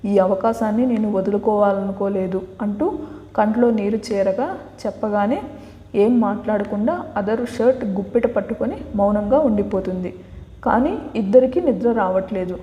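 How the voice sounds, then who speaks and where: A woman storyteller reads a romance story aloud in a steady narrating voice. Her tone is mellow. The sound is roomy, with a long reverb. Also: medium pitch, normal speed. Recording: echoey room with long reverb.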